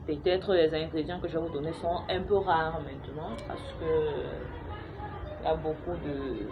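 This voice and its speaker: A young Cameroonian woman vlogs a home remedy, giving a casual how-to to camera in a chatty, halting style full of fillers and restarts. Her voice sits quite low with a steady tone and phone-quality sound. Recorded at home, it picks up clear noise from loud neighbours and children playing outside.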